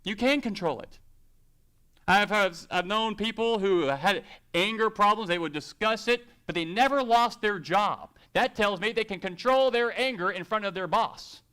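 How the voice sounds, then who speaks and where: Middle-aged male preacher, high, clear tone; conversational sermon with slow scripture reading. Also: bright, forceful tone. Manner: conversational preaching, quoting scripture slowly and acting out everyday scenes.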